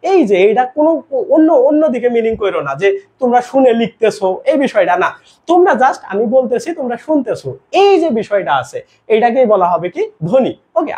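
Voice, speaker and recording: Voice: mid-range voice, darkish tone. A teacher gives a live online grammar class in a casual style, mixing in English words and posing questions they answer themselves. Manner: asks quiz questions and answers them.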